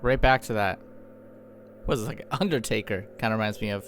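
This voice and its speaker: A man's voice: lowish voice, fairly quick, a little hiss or hum. A man hosting an album reaction, reacting enthusiastically and thinking aloud with fillers while the record plays. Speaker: music reaction host. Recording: music playing loudly underneath. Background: album music playing.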